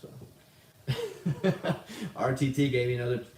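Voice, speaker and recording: A man's voice: lowish voice, moderate pace, darkish tone. A man hosting a casual livestream, answering chat questions in a rambling, profane, self-mocking way. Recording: roomy, distant mic, faint noise.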